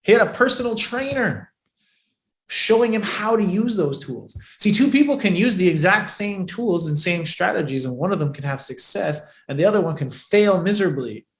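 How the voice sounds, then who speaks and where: A man coaching a live training session, profane and emphatic, pushing his voice loud and then dropping it low for effect. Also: expressive, moderate pace. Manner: profane, emphatic, shifts between loud and hushed. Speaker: business coach. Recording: echoey room.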